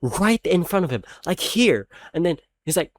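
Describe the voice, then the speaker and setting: A man's voice: on the high side, sing-song, normal speed, dry recording. A man, not a native English speaker, animatedly retelling a film's plot in a casual rant, swearing often and laughing as he talks. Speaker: video creator reviewing a film.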